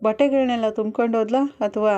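Bossy scolding mother-in-law, read out by a woman, mellow low-key tone. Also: fairly even intonation, quick pace, highs cut off, natural voice. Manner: sharp and bossy. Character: stern scolding middle-aged mother-in-law.

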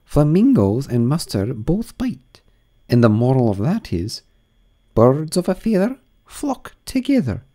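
A man voicing an ugly, chummy old noblewoman who finds a moral in everything, in a high, drawn-out, sing-song voice. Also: huge pitch swings, mellow. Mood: gushing, moralizing.

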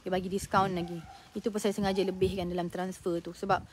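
A woman hosting a casual live stream, expressive and full of religious exclamations. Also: lowish voice, fast talker, background noise.

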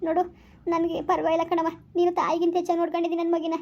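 A woman's voice: extremely high pitch, monotone, racing, a little mellow, dull audio. A woman playing a remorseful young village mother who keeps pleading and blaming herself. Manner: pleading, self-reproaching. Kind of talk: village family skit acting.

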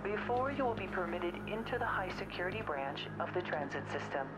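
A woman voicing a calm, formal automated train announcer in a video game, giving measured safety notices. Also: fairly low pitch, lightly acted, low-quality recording. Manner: measured, formal, even delivery. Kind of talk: scripted public-address announcement. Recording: game audio with loud music.

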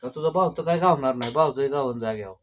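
Outdoors at home in the early morning, a village vlogger chats casually and teasingly in rustic Marathi. His medium-pitched voice moves fast, and a little hiss or hum is audible.

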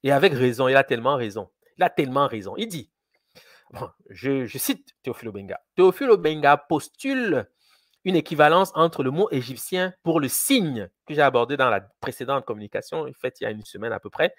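A man's voice: medium pitch, big pitch swings, fairly quick, no echo, studio quality. A man giving a lecture in a teaching tone, emphatic, repeating key words and often restarting his sentences. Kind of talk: recorded lecture.

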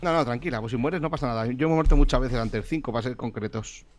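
Dry-joking gamer on a noisy mic. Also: male voice, mid-range voice, quick pace. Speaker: gamer guest. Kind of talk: joking multiplayer gaming chat.

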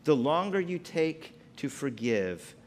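A pastor in his fifties preaches a sermon from the pulpit of a church sanctuary, speaking slowly in a sing-song voice with wide swings in pitch. He is emphatic and gestures as he talks, and there is slight background noise.

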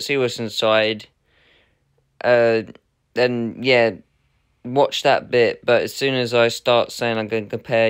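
Smooth-voiced man hosting an unboxing vlog. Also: medium pitch, a bit bright. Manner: rambling, hesitant, with many "uh"s and self-corrections. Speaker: channel host unboxing a film collector's edition.

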